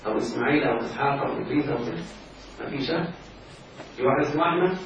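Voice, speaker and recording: In a racing, medium-pitched voice, a man with an Egyptian accent runs an Arabic grammar class, constantly quizzing students on whether they keep up. The mic is far away in a very echoey room, and the sound is dull with a faint hiss.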